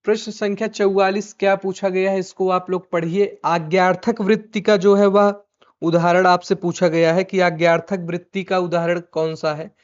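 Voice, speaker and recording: A man's voice: sits high, level tone, moderate pace. A male Hindi teacher going through an exam answer key, asking himself questions and repeating the answers like a drill. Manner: repeats his own questions back as drill. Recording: dull lo-fi recording.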